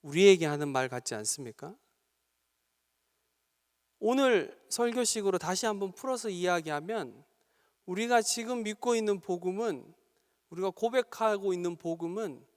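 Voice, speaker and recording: High, smooth-voiced pastor in a reverberant church. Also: male voice. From Gyeongsang Province, Korea. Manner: earnest, exhorting, building to fervent appeals. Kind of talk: sermon to a youth service. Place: church sanctuary. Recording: long reverb of a church sanctuary.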